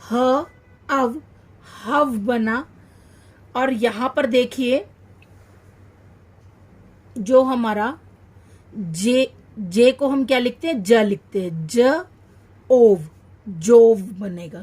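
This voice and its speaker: A woman teaching a children's phonics lesson, sounding out each syllable slowly and repeating every word. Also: fairly high pitch, darkish tone.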